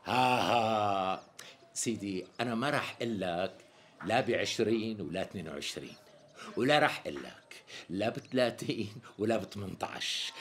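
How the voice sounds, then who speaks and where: An actor with a Syrian accent playing a flattering tailor who talks around the price in flowery sales patter. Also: male voice, medium pitch, a little hiss or hum. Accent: Syrian Arabic. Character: smooth-talking flattering tailor who dodges naming a price. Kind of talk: TV sketch comedy acting.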